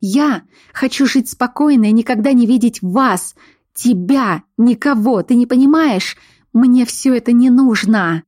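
A woman's voice: mid-range voice, measured pace, darkish tone, no echo, studio quality, natural voice. A woman voicing a frightened but defiant young fox-shifter woman in an audiobook, speaking in a raised, agitated voice.

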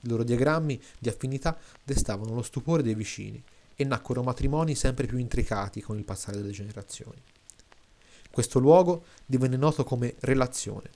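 A man reading a late-night story aloud in a calm, measured way, now and then restarting a word. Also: mid-range voice. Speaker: story reader.

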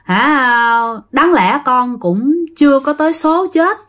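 A woman's voice: high voice, lively intonation, slow, a bit bright, voice pushed up, exaggerated voice. A woman voicing the ghost of a drowned young man begging his parents' forgiveness. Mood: remorseful pleading. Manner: pleading, apologetic. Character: drowned young man's ghost, remorseful and devoted.

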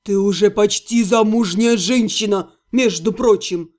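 A woman voicing a grumpy, jealous young half-gnome man in an audiobook, snapping and gruff. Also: mid-range voice, a little slow, a little mellow, pitched below the performer's own voice, natural voice.

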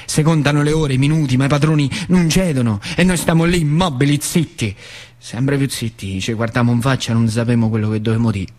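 With music in the background, a man speaking in a mid-range voice at a fairly quick clip delivers an animated, colloquial stage monologue. The actor and storyteller has a central Italian accent from northern Lazio, uses working-class dialect, and repeats phrases for emphasis.

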